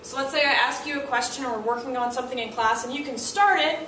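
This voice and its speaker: Animated woman teaching from across a classroom. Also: high-pitched, fast, noisy background. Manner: animated, acts out student and teacher lines in quotes. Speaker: language teacher. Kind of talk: classroom instruction. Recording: echoey room, mic at a distance.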